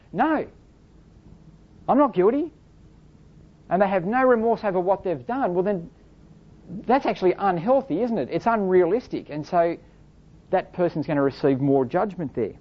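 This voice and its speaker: A woman preaching a sermon in an earnest, explanatory way, asking rhetorical questions and reading scripture aloud. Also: medium pitch. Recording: dull lo-fi recording.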